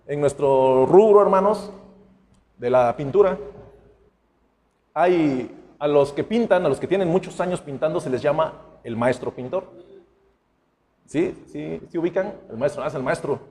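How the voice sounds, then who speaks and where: A man's voice: on the high side, unhurried, long pauses, a little mellow. A man preaching a sermon as pastor, with a conversational style, acting out the voices of the people he quotes. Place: church sanctuary. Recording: long church hall reverb.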